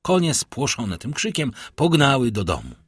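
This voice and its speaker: A man narrating an audiobook in an expressive, dramatic way. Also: medium pitch, normal speed, breathy edge, no room sound, clean studio sound. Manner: expressive, lively storytelling.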